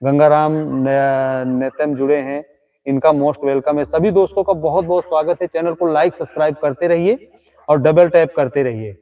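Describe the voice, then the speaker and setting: A man's voice: on the high side, steady tone, moderate pace, phone-quality sound. A man hosting a comedy live stream outdoors at night, teasing and chatting with a ghost he claims stands in front of him. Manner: teasing, talks directly to an unseen ghost.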